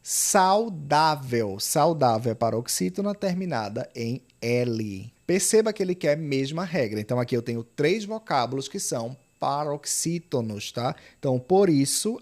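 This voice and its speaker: A man's voice: medium pitch, a little mellow. A man with a Brazilian Portuguese accent teaching an online grammar lesson for exam prep. He explains step by step, often checks in with the listener, and pushes key warnings with urgency. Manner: stresses key points with emphatic, urgent appeals.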